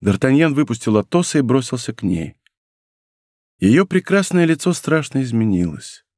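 Expressive male audiobook narrator. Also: medium pitch, moderate pace, dry recording, studio quality. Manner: expressive, theatrical storytelling.

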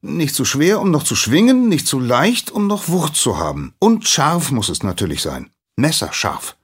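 A man's voice: mid-range voice, big pitch swings, a little slow, breathy edge, pitched above the performer's own voice, full character voice. A man voicing an eager, clumsy young apprentice smith who answers in a raised, stammering voice in a radio story. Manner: overeager, stammering.

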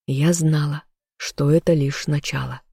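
An audiobook narrator reading a first-person romance in an even, measured way on a close mic. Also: mid-range voice, vocal fry, slightly rough, no echo.

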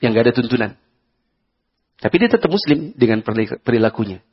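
A man's voice: medium pitch, big pitch swings, quick pace, husky. A man with an Indonesian accent giving a conversational Islamic study lecture, asking the audience questions and acting out examples. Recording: dull lo-fi lecture recording.

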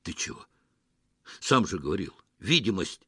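A man voicing a cautious rural man who speaks in a hushed, wary way. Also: low-pitched, very animated, moderate pace, breathy edge, no echo, studio quality, full character voice.

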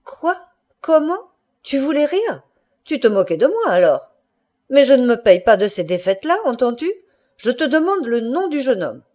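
A jealous middle-aged husband, voiced by a woman reading a storybook, badgering and insistent, stammering when shaken. His pitch swings widely from line to line over a dark, mellow tone. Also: animated, unhurried, lightly acted. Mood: furious.

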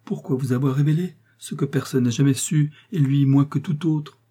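A man's voice: fairly high pitch, normal speed, warm tone, slightly rough, voice pushed up. A man voicing a nervous aging woman servant who trembles and sobs as she pleads. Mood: tearful confession. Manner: trembling, sobbing pleas.

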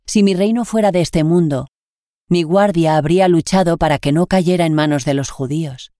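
A reader with a Spain Spanish accent voicing a calm condemned man who speaks solemnly. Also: mid-range voice, moderate pace, no echo, clean studio sound, lightly acted.

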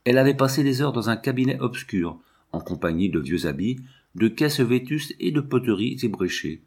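A man narrating a novel as an audiobook, reading in a measured, expressive way. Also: mid-range voice, husky.

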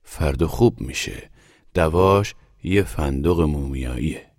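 A man voicing an old turbaned cleric who speaks calmly and piously. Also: extremely low pitch, no room sound, studio quality. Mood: soothing.

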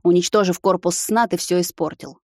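A woman's voice: fairly low pitch, fairly even intonation, a little fast, a little mellow, no room sound, studio quality, lightly acted. A woman voicing a mocking, hostile male security officer who talks in a sneering, curt way.

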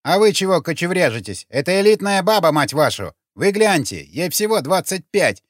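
A man voicing a shrill, spiteful dwarf pimp who screeches insults. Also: very animated, moderate pace, no echo, clean studio sound. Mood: scolding. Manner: screeching, abusive.

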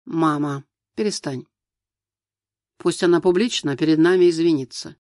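A worn-out, passive young husband, read by a man in an audiobook. He speaks flatly and without energy, sounding tired and indifferent. The recording is dry and close. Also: on the high side, moderate pace, dry recording, natural voice. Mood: weary.

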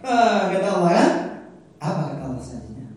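A man teaching a Quran study circle in an animated, joking, colloquial way. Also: high-pitched, fairly quick, a little hiss or hum. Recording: echoey hall, mic far off.

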